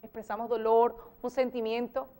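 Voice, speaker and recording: A woman teacher with a Venezuelan accent, patiently explaining grammar in a TV interview and acting out lively example sentences. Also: fairly high pitch, moderate pace. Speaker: teacher guest.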